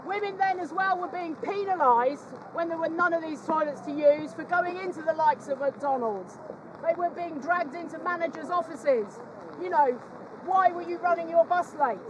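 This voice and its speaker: High-pitched middle-aged woman speaking at noisy rally. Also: moderate pace. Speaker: speaker at outdoor women's rally. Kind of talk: public speech, personal account. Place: outdoors at a public gathering in the rain. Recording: noisy outdoor crowd recording with traffic.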